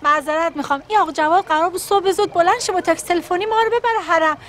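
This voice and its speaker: A woman's voice: very high-pitched, fairly bright tone. An actress playing a fussy wife who scolds her family, outdoors on a busy street. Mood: fussing. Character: scolding middle-aged wife on pilgrimage. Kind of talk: comedy series acting. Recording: outdoor street with crowd noise.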